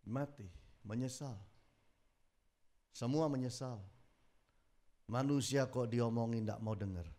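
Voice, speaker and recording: A man preaching a sermon, telling stories with dramatic swings between loud exclamations and low murmurs. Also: takes it slowly, pauses often. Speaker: pastor. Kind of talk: sermon with storytelling.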